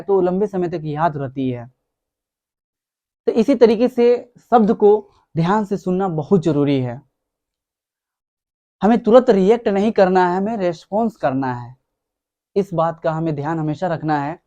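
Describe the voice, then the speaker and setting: Slow, mellow-voiced male motivational speaker. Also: high voice. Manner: slow, emphatic, repeats key words, addresses listeners as friends. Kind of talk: motivational talk.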